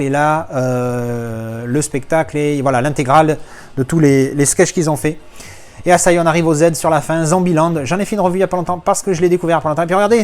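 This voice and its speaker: A man walking through his film collection in a casual, enthusiastic, rambling way, often restarting his sentences. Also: on the high side. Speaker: video reviewer.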